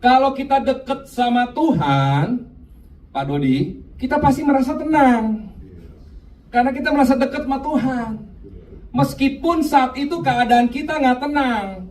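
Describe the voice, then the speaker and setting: High-voiced man preaching in an echoey room. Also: unhurried. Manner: animated, addresses listeners directly, often says "Pak". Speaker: speaker at a men's fellowship. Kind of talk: sermon with personal testimony. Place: church men's meeting room. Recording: echoey room, far from mic, light noise.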